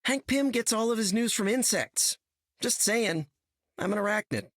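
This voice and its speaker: A man's voice: high voice, expressive, normal speed, fairly bright tone, dry recording, studio quality. A man voicing a youthful, quippy, sunny superhero in a video game, boyish and wisecracking. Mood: wry, chipper. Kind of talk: video game character acting.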